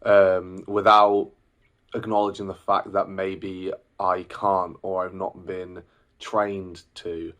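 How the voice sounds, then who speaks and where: Speaking to camera, a young male singer and vlogger in his twenties uses a deep, low voice that's fairly bright in tone with little pitch movement. His talk is casual and personal, a bit rambling, with filler pauses and restarted sentences as he thinks.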